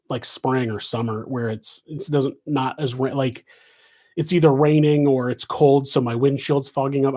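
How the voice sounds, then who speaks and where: This man hosts a live Q&A session as a podcast host, speaking at medium pitch with a somewhat dark tone. His West Coast American accent comes through as he rambles casually, restarting sentences and leaning on fillers.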